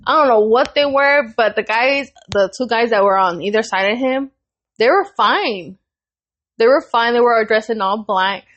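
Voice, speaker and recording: A young adult woman co-hosting a podcast, telling a story in casual chat, animated and profane and laughing often. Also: on the high side, moderate pace, highs cut off. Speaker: podcast co-host.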